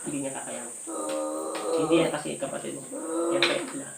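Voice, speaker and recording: A woman folk healer interrogating a spirit during a healing ritual, commanding and repeating her questions loudly. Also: a bass voice, steady tone, fast, creaky, over a noisy crowd. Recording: echoey room, voice from some distance, faint hiss.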